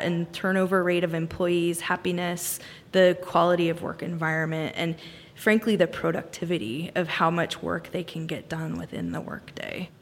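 Woman, researcher, interview, formal thoughtful speech, low pitch, reverberant room. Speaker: university researcher. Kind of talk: interview answers.

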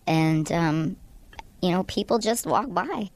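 A woman speaking as a radio interview guest in a studio, her voice disguised to sound deep, talking in a hesitant, halting way with many fillers.

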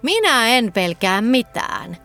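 A cheeky little green magic fox from a children's storybook, bouncy and jokey in how it talks, as a woman puts it on. The voice lifts a bit above her plain reading and swings lively up and down. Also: on the high side, soft background music, voice pushed up, heavily acted. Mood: playful.

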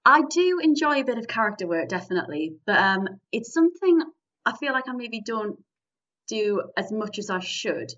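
Heard on dull, distant-sounding lo-fi audio, a woman from Newcastle upon Tyne in northeast England chats casually about her improv comedy performing as an interview guest. She has a northeast English Geordie accent and a slightly high, somewhat bright voice with big pitch swings at a moderate pace.

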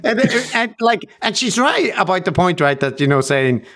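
This Northern Irish podcast co-host has a high, sing-song voice that is fairly bright and runs at a normal speed. He talks things through thoughtfully in a casual discussion, using plenty of fillers and swearing now and then.

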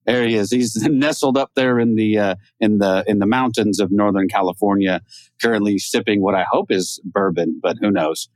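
A man co-hosts a casual podcast and opens the interview in a loose, chatty way, stumbling and restarting as he goes. His voice sits a little low. The sound is close and dry. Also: steady tone, moderate pace, dry recording. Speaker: podcast co-host.

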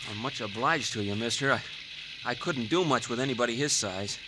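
A man's voice: medium pitch, fairly quick, heavy background noise, lightly acted. A man playing a polite, unassuming young American settler, mild and hesitant, in an old-time Western drama. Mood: grateful, mild.

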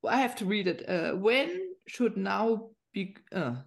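A woman host with a gravelly edge to her voice talks through a reflective, spiritual conversation. She searches for her words gently and fills the gaps with soft fillers. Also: medium pitch, sing-song, slow pace. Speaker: podcast host.

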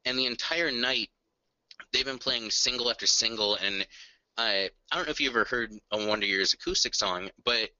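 A man's voice: medium pitch, normal speed, sharp tone, no echo, dull audio. A man co-hosting a podcast, telling an enthusiastic, earnest story in casual music chat. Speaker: podcast co-host.

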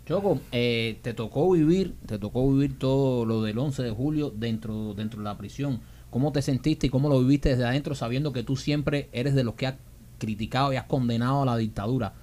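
A man's voice: mid-range voice, fairly quick, mellow. A man, co-hosting a casual interview and asking long, wordy questions. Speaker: co-host interviewer.

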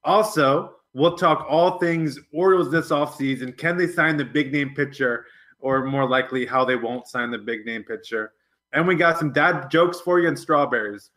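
Guy hosting a sports podcast, kinda high voice, jokey banter. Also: moderate pace, fairly bright tone. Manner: showman intro, then joking banter. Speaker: podcast host. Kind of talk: casual sports talk chat.

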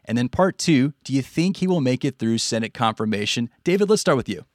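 A man's voice: medium pitch, lively intonation, brisk, dry recording, studio quality. A man with an American accent hosting a podcast from a script. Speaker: stand-in podcast host.

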